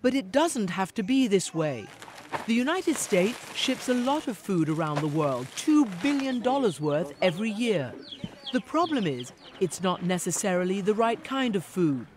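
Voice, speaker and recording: A middle-aged woman correspondent giving a measured, earnest scripted news narration. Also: medium pitch, sing-song, background noise.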